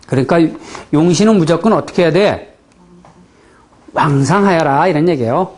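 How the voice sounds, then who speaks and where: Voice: medium pitch, animated, takes it slowly, pauses often, a little mellow. A fortune-telling teacher with a Chungcheong Korean accent gives a lecture to a class. The delivery is blunt and folksy, and the speaker keeps stopping to ask the students whether they follow. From Chungcheong region, Korea. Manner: blunt and folksy, with frequent rhetorical check-in questions.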